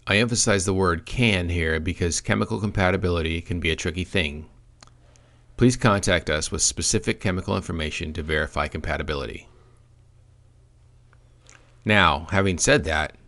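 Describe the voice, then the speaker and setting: Male product trainer with a deep voice, reading a script with dry, deadpan humor.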